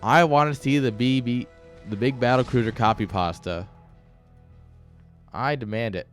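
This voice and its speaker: A man's voice: mid-range voice, moderate pace, soft background music. A man giving casual esports commentary with joking, sarcastic asides.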